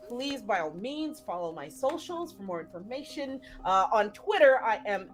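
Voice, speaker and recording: A woman's voice: on the high side, sing-song, normal speed, faint music behind. A woman from Canada introducing herself as a player in a rambling, playful way. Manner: rambling and playful, with many fillers. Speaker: tabletop game player and actress. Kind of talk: casual chat introducing herself.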